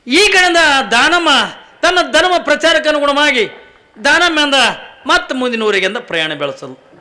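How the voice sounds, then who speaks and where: Man preacher, north karnataka accent, devotional storytelling sermon, very high and bright voice. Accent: North Karnataka Kannada. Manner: storytelling, addressing listeners directly, repetitive.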